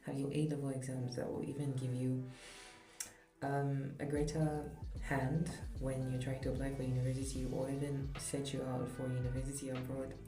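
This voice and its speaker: This mellow, mid-range voice belongs to a young adult Zambian vlogger who talks at a normal pace and level tone through an earnest, candid opinion piece with light laughter. The echoey room has music in the background.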